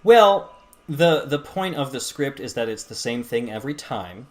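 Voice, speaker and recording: A man's voice: mid-range voice, sing-song, normal speed. A man co-hosting a podcast in casual chat, rambling and hesitant with many restarts. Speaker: podcast co-host.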